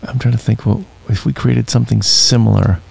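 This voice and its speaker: A man's voice: mid-range voice, fairly even intonation, fairly quick, gravelly, darkish tone, breathy edge. A middle-aged man co-hosting a casual podcast, chatty and teasing, laughing along. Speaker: podcast co-host.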